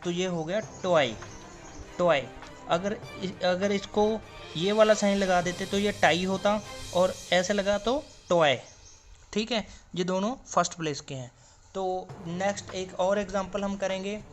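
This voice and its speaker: Man teaching, repeating words slowly. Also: high voice, fairly even intonation, soft background music. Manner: repeats words slowly and asks and answers his own questions. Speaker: stenography teacher. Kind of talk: classroom explanation.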